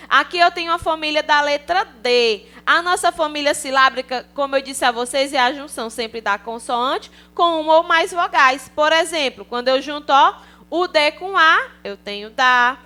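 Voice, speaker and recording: Speaking with a Brazilian Portuguese accent, this primary school teacher runs a recorded online lesson for little kids, cheerfully coaxing them and checking in frequently. Her voice sits high and sounds pushed and bright.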